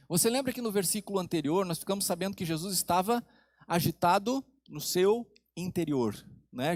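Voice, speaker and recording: A man preaching a sermon as pastor, with dramatic pauses, dropping low and soft for emphasis and asking the congregation questions. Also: no echo.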